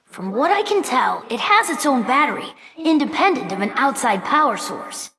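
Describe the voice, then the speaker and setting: Heavily acted and very animated, a woman's high, slightly bright voice delivers video game lines for an earnest, smart young fox boy sidekick at a moderate pace. She sounds youthful, boyish and articulate, with a focused, curious mood.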